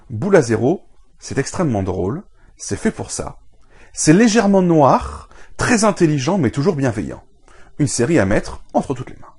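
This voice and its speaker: Husky, animated comic reviewer. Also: male voice, mid-range voice. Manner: animated, enthusiastic recommendations. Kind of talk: scripted review show.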